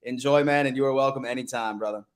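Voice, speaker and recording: Hosting a relaxed sports call-in stream, this Buffalo, New York man in his thirties talks quickly in a steady, mid-range voice with a clean sound. He keeps things easygoing, drops "man" often, and builds up his guests.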